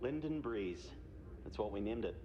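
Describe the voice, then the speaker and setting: An actor playing a gentle, loyal young husband who talks earnestly and often drops to a whisper. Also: male voice, on the low side, animated, moderate pace, highs cut off, slight background noise, close to an everyday voice. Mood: calm. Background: music.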